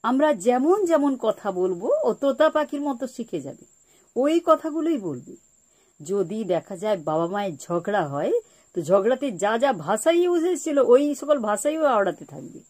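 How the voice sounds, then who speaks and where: A woman giving a spiritual talk on parenting, repeating her key points slowly like a teacher. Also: on the high side, big pitch swings, a little mellow. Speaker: spiritual speaker.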